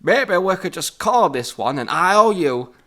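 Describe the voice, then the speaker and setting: A man's voice: high voice, sing-song, unhurried, fairly bright tone, pitched above the performer's own voice, heavily acted. A man doing a sleazy Yorkshire charmer. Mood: smarmy. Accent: put-on Yorkshire. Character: sleazy middle-aged man trying to charm.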